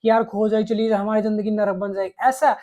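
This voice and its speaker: A man's voice: sits high, flat delivery, brisk, mellow. A man delivering a blunt, crude, scolding advice monologue straight to the viewer, peppered with swearing. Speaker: relationship advice vlogger.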